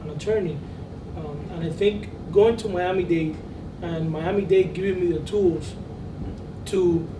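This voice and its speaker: A man from Cuba, a law student, speaking sincerely on a panel and repeating words as he thinks. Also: sits high. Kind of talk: panel discussion. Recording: roomy, distant, noisy.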